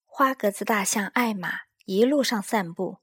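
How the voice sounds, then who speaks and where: A woman reading a children's story aloud in a slow, gentle storyteller manner. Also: medium pitch, husky, no room sound, studio quality.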